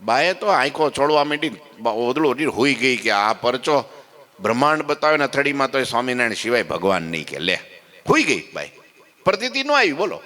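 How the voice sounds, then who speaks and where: A man telling a devotional story in a sermon, animated, acting out the voices of the people in it. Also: medium pitch, brisk, long reverb tail. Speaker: katha preacher.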